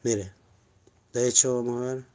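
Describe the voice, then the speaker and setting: A man with a Honduran Spanish accent walks listeners through scripture on screen in a casual, informal teaching style, repeating key words and asking rhetorical questions as he explains. His middle-pitched voice is dark in tone, with fairly even intonation and a moderate pace. At times he drifts away from the mic.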